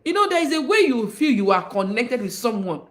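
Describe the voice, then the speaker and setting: Animated woman giving relationship advice. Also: on the high side, a little fast. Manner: animated, dramatizing, emphatic repetition. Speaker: relationship life coach. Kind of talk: livestream advice talk.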